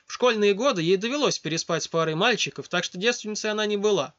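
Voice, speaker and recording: A man reading a story aloud in a steady, scripted narration. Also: high-pitched, quick pace. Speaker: audiobook narrator. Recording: dull lo-fi dry recording.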